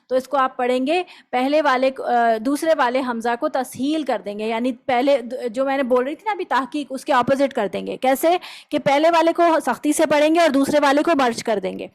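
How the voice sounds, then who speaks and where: High-voiced woman teaching Quran recitation. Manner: explains step by step, often checks "okay?" and models recitation slowly. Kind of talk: tajweed lesson for students.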